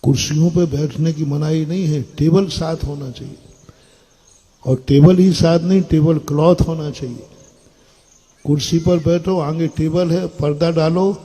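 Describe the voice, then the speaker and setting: A man's voice: a little high, steady tone, measured pace, dark tone, husky, low-quality recording. An older man preaching a sermon to an audience, blunt and scolding, asking his listeners questions. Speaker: Jain monk preacher.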